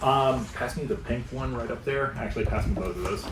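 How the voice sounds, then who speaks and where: A man's voice: medium pitch, fairly quick. Chatty man teaching packing in a store. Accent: American. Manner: relaxed, chatty storyteller. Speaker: luggage store packing instructor. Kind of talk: live in-store seminar talk. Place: store showroom with audience. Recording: echoey room, mic at a distance, faint noise.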